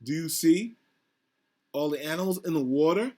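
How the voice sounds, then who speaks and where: A man's voice: fairly high pitch, lively intonation, normal speed, darkish tone. A man, a school principal, reading a picture book aloud to children over a video call, praising them and asking about the pictures. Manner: encouraging, asks the children questions about the pictures.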